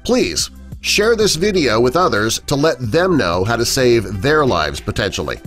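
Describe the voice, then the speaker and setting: A man's voice: medium pitch, sing-song, a little slow, fairly bright tone. A man reading a scripted narration of a news story in a dramatic storytelling manner. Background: faint background music.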